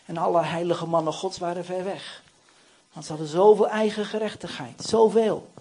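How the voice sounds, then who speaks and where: A man preaches with a strikingly high-pitched voice. He drives his points home earnestly and emphatically, yet keeps a conversational tone with frequent tag questions to the congregation. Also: fairly even intonation, normal speed, mellow. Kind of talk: sermon.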